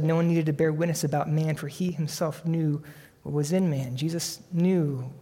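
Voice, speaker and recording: A man preaching a sermon, earnest and emphatic, slowing down for dramatic weight on key phrases. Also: on the high side, a little mellow. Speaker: pastor. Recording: long hall reverb.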